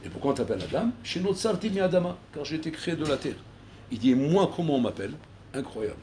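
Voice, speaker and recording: A man's voice: a little high, fast talker. Rabbi guy giving a torah class, voice jumping all over, acts out the dialogues, bit of hiss behind. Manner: animated, acts out dialogues, mixes Hebrew terms. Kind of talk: recorded Torah lesson.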